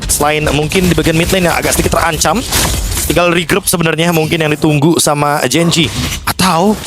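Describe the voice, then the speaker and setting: A man's voice: a little high, fairly even intonation, fairly quick, over music. An Indonesian man giving explanatory live esports commentary, sprinkled with English gaming terms. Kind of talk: live analytical game commentary.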